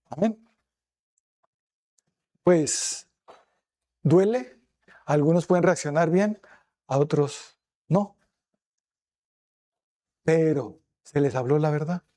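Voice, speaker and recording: A man's voice: fairly high pitch, gravelly, dark tone. A male pastor preaching a sermon, asking his listeners rhetorical questions. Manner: asks the congregation rhetorical questions; acts out quoted speech in changed voices.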